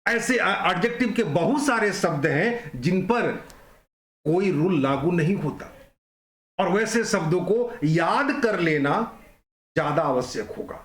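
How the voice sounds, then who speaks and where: A man's voice: sits high, expressive, a little slow, fairly bright tone, reverberant. A man teaching an online grammar lesson, explaining rules step by step and repeating the key points.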